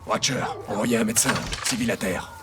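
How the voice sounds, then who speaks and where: An actor playing a commanding, focused special forces colonel giving terse tactical orders in a video game. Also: male voice, fairly low pitch, brisk, heavy background noise, lightly acted. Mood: focused, low-key.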